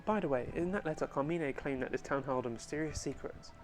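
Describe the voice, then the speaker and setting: A man voicing a thoughtful, courteous gentleman professor in a game fan dub, with polite, formal wording. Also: a little high, fast talker, soft background music, natural voice. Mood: inquiring. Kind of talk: fan-dubbed game dialogue.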